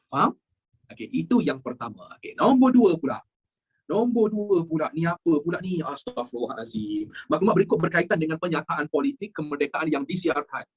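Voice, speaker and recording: Woman, Malaysian accent, history teacher, exam practice, husky voice, lively and quizzing. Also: sits low, fairly quick. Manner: lively, quizzing, drops English words into her talk.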